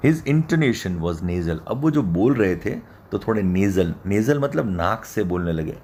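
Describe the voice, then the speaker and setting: A man with a Gujarati accent, teaching as an English teacher, who reads a story slowly line by line and explains each line in lively Hindi. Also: deep voice, a little hiss or hum.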